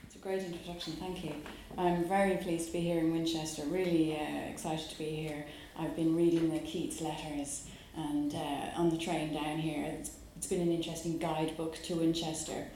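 A Dublin woman, a poet, muses her way through introductions with hesitant fillers before reading her poems to a live audience in a very echoey venue. Her voice is low, mellow and flat, with a little hiss or hum on the recording.

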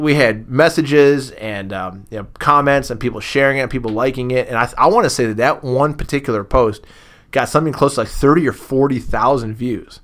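A man, a former booster club president, chatting on a podcast and telling lively anecdotes. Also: medium pitch. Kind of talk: casual podcast storytelling.

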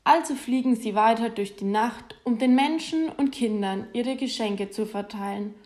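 A woman calmly narrating a Christmas children's story in a clear storytelling voice. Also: fairly high pitch, normal speed.

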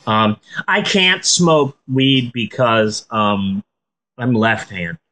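A woman chatting casually as a comedic podcast host in a stoned, rambling drawl, swearing freely and joking deadpan. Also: extremely low pitch, very slow.

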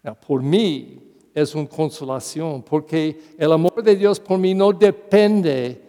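A parish priest giving a Sunday homily in Spanish as a second language, with an English accent, halting and putting questions to the congregation. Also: male voice, fairly high pitch, mellow, in a large hall. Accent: English-speaking. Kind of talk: sermon.

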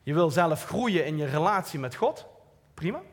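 A lay preacher with a Limburg Dutch accent gives an informal, earnest talk in a church hall, plain-spoken and sprinkled with light self-mocking asides. His voice is on the high side and sing-song at a moderate pace, with long hall reverb.

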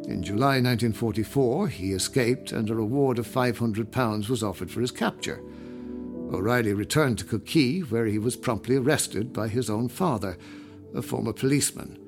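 A man reading scripted documentary narration as the narrator of an audio guide. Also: mid-range voice.

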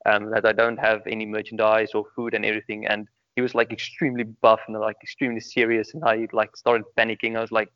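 A man's voice: on the low side, monotone, fast talker, few pauses, no room sound. A young man from South Africa with a South African accent, a guest in a casual interview, earnest and repetitive with many ums. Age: young adult. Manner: earnest, repeats words, many ums and extremely. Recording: dry, dull lo-fi sound.

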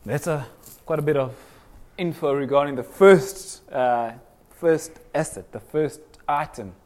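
A man's voice: on the high side, measured pace, darkish tone. A young man from Kenya preaching a sermon earnestly, often repeating phrases for emphasis. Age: young adult.

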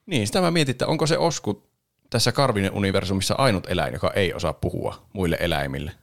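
Low gravelly Finnish-speaking man, chatty. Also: expressive. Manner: chatty, laughs often, briefly imitates film voices. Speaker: podcast host. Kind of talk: casual chat reviewing a film.

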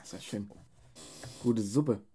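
A man, trading crude jokes in casual banter as a podcast co-host, with deadpan, mumbled asides. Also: lowish voice, extremely slow, a little hiss or hum.

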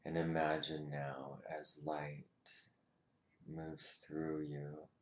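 Slow, deep-voiced man guiding a meditation. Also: monotone. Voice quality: soft, often drops to a whisper. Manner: slow, soothing instructions. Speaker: meditation guide. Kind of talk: guided meditation.

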